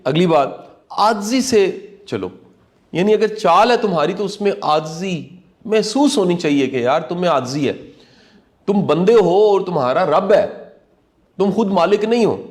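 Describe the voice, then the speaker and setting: A man's voice: high-pitched, animated, darkish tone. Earnest emphatic man. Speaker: commentator. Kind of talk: talk show commentary.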